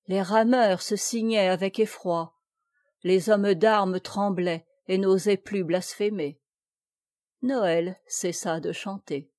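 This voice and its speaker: A woman narrating an adventure story in a measured, steady reading voice. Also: medium pitch, no room sound, clean studio sound.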